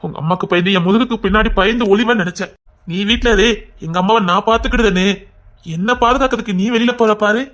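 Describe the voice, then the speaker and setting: A man's voice: sits high, fast talker, fairly bright tone. A man dubbing an earnest, principled young man in a comic serial spoof, with a Tirunelveli Tamil accent. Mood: resolute.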